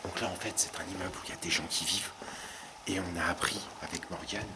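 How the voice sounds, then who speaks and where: A man with a very deep voice talks his way through an abandoned garage in a deadpan, mock-serious tone. He keeps repeating the same stock phrase. The camera mic picks up a loud, constant background noise. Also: fast. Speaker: co-host of a parody urban-exploring show. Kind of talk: mock-serious exploration commentary.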